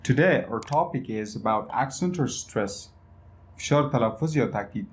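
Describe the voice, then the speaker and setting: A man teaching English pronunciation, explaining rules slowly and repeating example words with heavy stress. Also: mid-range voice, animated, a little hiss or hum. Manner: explains slowly, switching between English and Dari. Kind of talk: language lesson.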